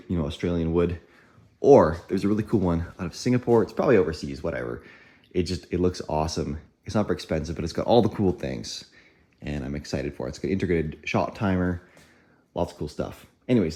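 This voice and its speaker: Man with a deep, rambling morning voice. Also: a little mellow. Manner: rambling, self-deprecating, lots of fillers and asides. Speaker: channel host reviewing home espresso machines. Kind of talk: casual rambling product review.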